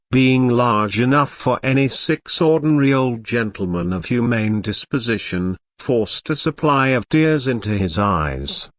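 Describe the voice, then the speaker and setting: A man narrating a classic novel in a measured storybook reading. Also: medium pitch, a bit bright, no echo, clean studio sound.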